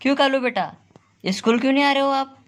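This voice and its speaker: A woman's voice: high-pitched, quick pace, natural voice. A woman voicing a fussy, easily offended male village schoolteacher who speaks primly and complains. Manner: prim, complaining.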